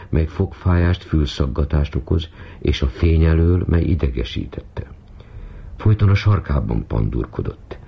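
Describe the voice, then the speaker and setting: Deep, gravelly man reading a novel aloud on old radio; measured, dull-sounding recording. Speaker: narrator.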